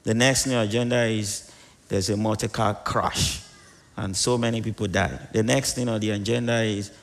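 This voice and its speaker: Man, preacher, gravelly voice, long reverberant hall, emphatic sermon delivery, rhetorical questions. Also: fairly even intonation, normal speed. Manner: dramatic swings in pitch and volume, sudden emphatic rises; repetitive, rhetorical questions to the congregation.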